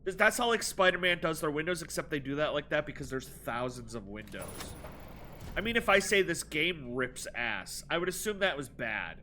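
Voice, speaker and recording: Live-streaming gameplay with a blocked nose, this man's voice runs high, very animated, pushed and bright at a moderate pace. He reads chat and rambles through sarcastic banter with his viewers, with slight background noise in the recording.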